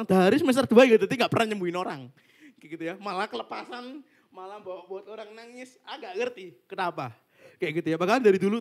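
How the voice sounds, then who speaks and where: A young man telling a casual testimony to a church cell group over a video call, animated and laughing often as he acts out what people said. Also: high-pitched.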